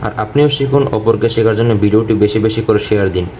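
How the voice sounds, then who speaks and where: A man teaching Quran recitation step by step, explaining pronunciation rules patiently and repeating syllables slowly for learners to copy. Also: fairly low pitch, warm tone, slight background noise.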